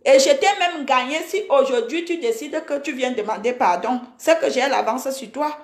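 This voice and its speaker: Speaking at normal speed with a high voice in an echoey room, a woman from Cameroon lays into a rival. She's a social media personality in her forties, and her angry Facebook live is full of scolding and repetition.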